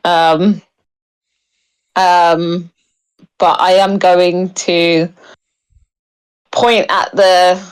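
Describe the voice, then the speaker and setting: Slow-talking woman at a game table. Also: fairly low pitch, level tone, smooth, low-quality recording. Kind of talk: casual game-table chat.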